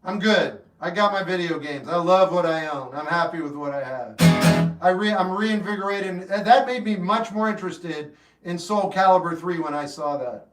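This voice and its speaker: Faint guitar music plays under a roomy, echoey recording with the mic placed at a distance. The speaker, a man in his 50s with a high voice speaking at normal speed, hosts a livestream, casually responding to live chat in a loose, rambling way that grows earnest whenever he offers advice.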